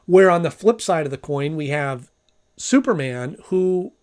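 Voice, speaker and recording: A man's voice: fairly high pitch, lively intonation, a little slow, darkish tone. A man giving a casual, conversational review and recap as a reviewer.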